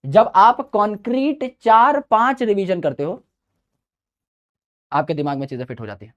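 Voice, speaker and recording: A man's voice: sits high, expressive, moderate pace, dull audio. A male coaching teacher giving casual, brotherly study advice to students, often checking in with them as he talks. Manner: chatty, brotherly, checks in with "right?". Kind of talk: casual mentoring talk to students.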